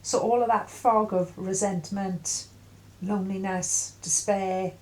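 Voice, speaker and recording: A middle-aged woman giving an intuitive tarot reading in a musing, halting way with many fillers. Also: mid-range voice, fairly even intonation, a little mellow, poor audio. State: coughing at times. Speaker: tarot reader.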